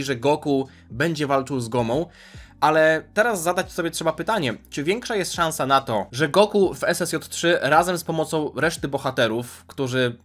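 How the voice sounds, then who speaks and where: A man's voice: mid-range voice, fairly bright tone. A man giving casual video commentary, chatty and analytical as he weighs fan theories aloud. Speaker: YouTube commentator on anime.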